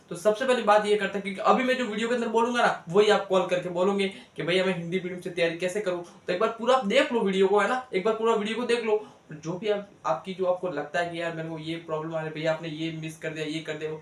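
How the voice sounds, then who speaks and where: A young man, a biology educator, giving casual, earnest coaching advice to students, repeating points and talking straight to them. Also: sits high. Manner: chatty and earnest, repeats himself, direct address. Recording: echoey room.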